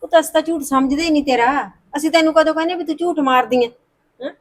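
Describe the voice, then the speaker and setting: An actress plays a middle-aged mother who keeps calming her daughter. She talks quickly and sits a little high, pleading and soothing. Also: slight background noise, lightly acted. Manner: soothing, pleading, says "puttar" a lot. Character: soothing middle-aged mother smoothing over family quarrels. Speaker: the heroine's mother.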